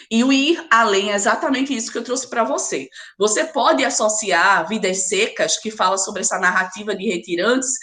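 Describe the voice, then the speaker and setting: In a somewhat high, bright, forceful voice, a woman with a Brazilian accent runs a live online literature class. She addresses students by name and urges them forward in an emphatic manner.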